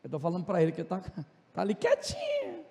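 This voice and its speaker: A man with a Tocantins Brazilian accent gives a joking classroom lecture in a very high voice. He talks loud and fast and keeps throwing asides at his students. The sound carries a long classroom reverb. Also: huge pitch swings, creaky. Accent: Brazilian Portuguese, Tocantins region. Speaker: teacher.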